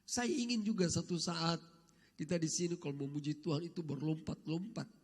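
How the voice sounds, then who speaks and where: A man preaching a Sunday sermon in an emphatic, exhorting manner with a raspy voice, putting repeated questions to the congregation. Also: on the high side, fairly quick. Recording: echoey hall with long reverb.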